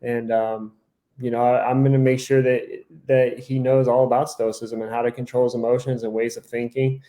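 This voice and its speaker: A man's voice: medium pitch, little pitch movement, moderate pace, mellow. A man co-hosting a podcast in casual chat, rambling with lots of "like" and self-corrections, acting out his own thoughts in quoted asides. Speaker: podcast co-host.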